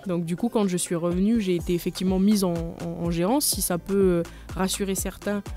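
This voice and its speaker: A woman's voice: lowish voice, fairly even intonation, a little fast, dark tone, faint music behind. A woman, a company manager explaining her path earnestly in a radio studio interview. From New Caledonia. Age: 20s.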